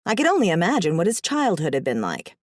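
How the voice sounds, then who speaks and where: Woman, audiobook narrator, sassy, wry, animated pitch, dry close sound. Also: fast, no echo. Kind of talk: scripted first-person narration.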